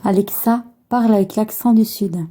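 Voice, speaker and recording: A woman's voice: mid-range voice, steady tone, moderate pace, dark tone. Woman giving brief voice commands. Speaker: video host testing a smart speaker. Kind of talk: short spoken commands.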